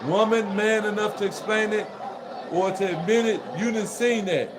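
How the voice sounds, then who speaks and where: A man's voice: high voice, steady tone, moderate pace. A man talking straight to his viewers in a casual, profane, rambling monologue, laughing as he goes. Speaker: vlogger. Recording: noisy recording with crowd chatter behind.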